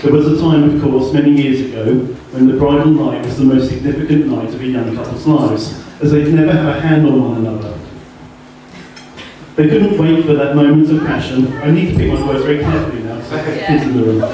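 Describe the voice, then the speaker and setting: A man giving a joking best man speech in deadpan delivery at a wedding reception. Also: mid-range voice, a little fast, a little hiss or hum. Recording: echoey hall from far off, laughing crowd. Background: guests laughing.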